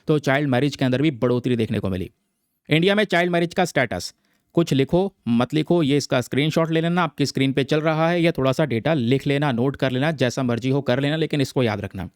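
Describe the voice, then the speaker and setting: A man's voice: fairly high pitch, dry recording, studio quality. A man teaching exam students, explaining a newspaper article in a chatty way, mixing English terms into his talk and often checking in with viewers. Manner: chatty, addresses viewers as friends, repeats "theek hai"; mixes English terms into Hindi.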